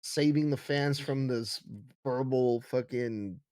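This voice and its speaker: A man's voice: mid-range voice, takes it slowly, dark tone. A man co-hosting a podcast, giving casual conversational commentary and acting out what others said as he retells it. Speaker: podcast co-host.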